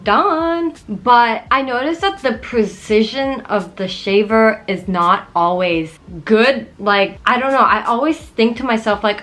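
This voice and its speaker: A woman's voice: fairly high pitch, a bit bright. A young woman casually chatting through a beauty tutorial at home, joking, rambling and yelping in pain. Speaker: beauty vlogger. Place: at home in front of a mirror.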